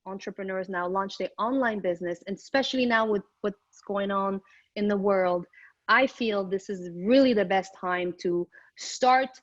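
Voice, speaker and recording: Over a remote call mic, a middle-aged woman from Morocco presents a business topic in an upbeat, chatty way, often saying um and restarting her sentences. She has a medium pitch and moderate pace, and the audio is dull with no echo.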